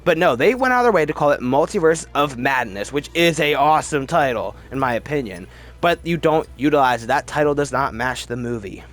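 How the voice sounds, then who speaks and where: Animated and a little fast, a man with a medium-pitched, fairly bright voice hosts a film ranking video. He gives casual, opinionated takes on movies, rambling along and often repeating words for emphasis.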